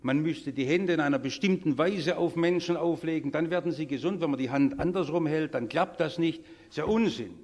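A man preaching a sermon, emphatic, swinging between loud declarations and quiet asides, speaking straight to the congregation. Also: on the high side, brisk, hardly any pauses, long reverb tail. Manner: addresses the congregation directly. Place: church service.

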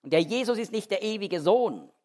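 Animated, emphatic Bible teacher, man. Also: sits high, a little fast. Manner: emphatic, explanatory, with frequent restarts. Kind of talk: expository sermon.

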